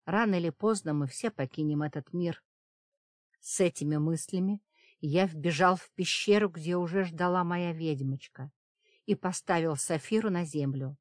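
A woman reading a fantasy audiobook as first-person narration, in a steady dramatic storytelling manner. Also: fairly low pitch, moderate pace, no echo, clean studio sound. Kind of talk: scripted narration.

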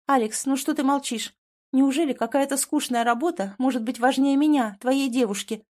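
A woman voicing a capricious, clingy young woman in an audiobook, with a pouty, whiny, shrill manner. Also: moderate pace, a little mellow. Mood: pouty, wheedling. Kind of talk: audiobook character voice.

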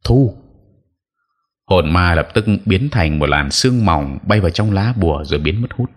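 A man reads a ghost story aloud in a very deep voice. His narration is measured and even. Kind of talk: scripted horror story narration.

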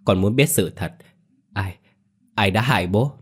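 A man's voice: lowish voice, slightly rough. A man reading a grieving young man, choked. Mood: distraught. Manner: choked, halting pleas.

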